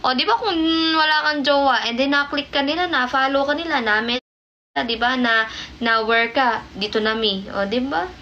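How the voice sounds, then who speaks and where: A woman's voice: high-pitched, moderate pace, bright, forceful tone, muffled recording, a little hiss or hum. A woman from the Philippines hosting a casual phone livestream, playful and teasing, often breaking into laughter. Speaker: livestream host. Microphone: phone mic.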